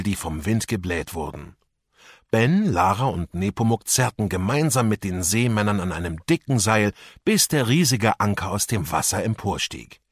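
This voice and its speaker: A husky male narrator reads a children's story aloud with a lot of pitch movement. The sound is close and dry, with no room around it. He takes on a voice for each character. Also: no echo. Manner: lively voicing of characters. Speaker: audiobook narrator.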